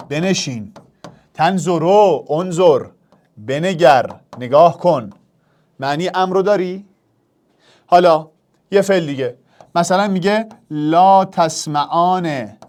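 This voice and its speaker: A young man teaching an exam review lesson, animated and talking straight to the student with rhetorical questions. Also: a little high.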